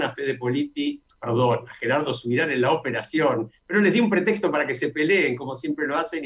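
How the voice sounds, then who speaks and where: Chatty Argentine radio host, lo-fi. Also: male voice, on the high side, a bit bright. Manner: chatty, announces slowly and repeats details. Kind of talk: radio talk show hosting. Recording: dull lo-fi radio sound.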